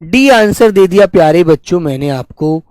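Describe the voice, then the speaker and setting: A man's voice: high voice, animated, moderate pace, a little mellow, no echo. A man teaching an online spelling lesson to exam students, talking in a coaxing, repetitive teacherly way.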